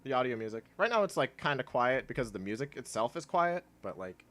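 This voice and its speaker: Stuffy-nosed young guy streaming, chill rambly chat, bouncy voice, quiet game music behind. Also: big pitch swings, fairly quick. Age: young adult. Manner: low-key, rambling, laughs often. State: congested. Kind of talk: casual gameplay stream chat.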